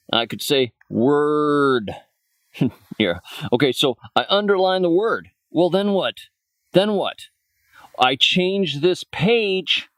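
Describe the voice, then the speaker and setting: Man, comedic prepper host, conspiratorial, deadpan, pitch leaping around, middle-pitched voice. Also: no echo. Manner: conspiratorial, jumpy pitch swings.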